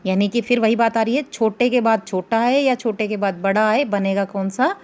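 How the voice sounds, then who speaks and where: A woman's voice: on the high side, darkish tone. A woman teacher giving a grammar lesson, repeating rules, stretching out examples and asking the class whether they follow. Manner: explains slowly and repeats rules, asks pupils checking questions.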